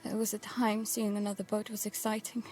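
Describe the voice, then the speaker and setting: In an audio drama, a woman plays an anxious, stubborn teenage daughter narrating in first person about life aboard a boat, her tone tense, intimate, uneasy and hushed. Her medium-pitched voice is a little mellow and a little fast, with a flat, lightly acted delivery.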